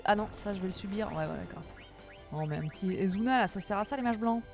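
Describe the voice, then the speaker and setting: A woman chatting casually with her live-stream audience while gaming, playful and quick to laugh, her voice a little tired. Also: medium pitch, creaky, a little mellow, faint music behind.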